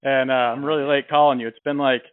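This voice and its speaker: A company representative phones a prize winner in a casual business chat, explaining things in a friendly, informal manner and chuckling often. His medium-pitched voice moves little in pitch and comes out fast and smooth. The audio is band-limited like a phone line, with a roomy echo.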